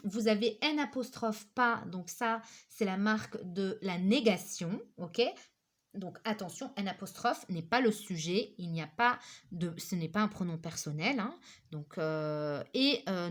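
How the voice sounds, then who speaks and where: A woman teaching a recorded grammar lesson, explaining patiently and checking in often with her listeners, with frequent fillers. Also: medium pitch. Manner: patient, repeats "ok?" and "d'accord?"; slow, careful explanation with many fillers.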